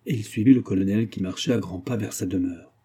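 A man narrating a literary audiobook with a measured, dramatic reading. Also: fairly low pitch, mellow, slightly rough.

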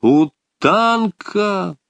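A man reading an epic tale in verse, voicing a giant rider on a bull who speaks slowly and insistently. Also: mid-range voice, animated, no echo. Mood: commanding.

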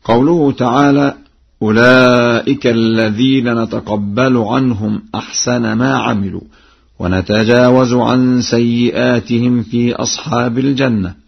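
A man from Egypt giving a broadcast lesson on Quran reading variants, explaining in a measured way and chanting verse examples. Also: mid-range voice, fairly even intonation, vocal fry, breathy edge. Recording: lo-fi radio broadcast.

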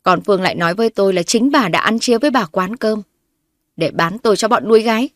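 A woman's voice: medium pitch, fast talker, no echo, studio quality, lightly acted. A woman narrator voicing a wronged young wife who confronts her in-laws sharply and defiantly. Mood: accusing.

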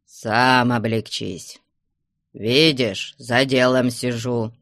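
A man's voice: mid-range voice, lively intonation, slow pace, no echo, studio quality, full character voice. A man voicing a sullen old retired soldier who keeps watch at a country church, curt and grumbling. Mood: gruff. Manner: curt and grumbling, warms up over vodka.

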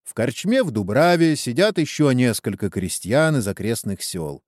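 A man narrating a story in an expressive storytelling manner, as an audiobook. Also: medium pitch, normal speed, no echo, clean studio sound.

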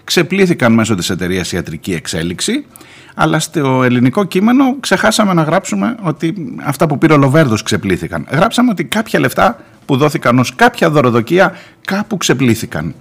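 A middle-aged man hosting a radio show, giving sarcastic, mocking news commentary and reading documents aloud in halting English. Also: fairly high pitch, very animated, creaky. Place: radio studio.

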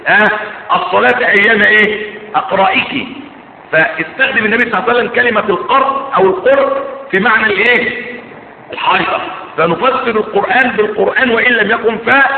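A man with a high voice and an Egyptian accent teaches a religious class, tossing quick questions back to his students. The sound is thin and phone-like. It rings around a big echoey hall with a faint hum underneath. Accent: Egyptian Arabic. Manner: keeps quizzing listeners with quick check questions. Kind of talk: classroom lecture.

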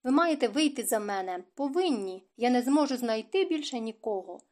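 A man's voice: extremely high pitch, animated, moderate pace, a little mellow. A woman reading a lovesick young man who stammers and pleads with the girl he loves. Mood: desperate. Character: lovesick clumsy young male suitor, stammering.

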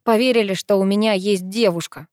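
A woman's voice: mid-range voice, a little fast, darkish tone, no room sound, clean studio sound, natural voice. A woman voicing a cocky, joking teenage boy in an audiobook, drawling and teasing.

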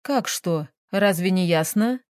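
A woman's voice: fairly low pitch, slow, clear, resonant tone, no echo, studio quality. Woman voicing a cool detective. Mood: firm. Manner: calm, firm, slightly ironic. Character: cool, composed female private detective.

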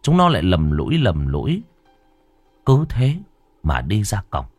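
A man narrating a ghost story in a dramatic way, slowing down for tense moments. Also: low voice, huge pitch swings, no room sound. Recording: dry close voice with faint background music.

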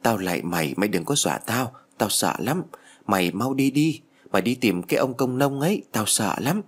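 A man's voice: lowish voice, big pitch swings, fairly quick. A man voicing a frightened teenage girl who pleads in a trembling voice. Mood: scared.

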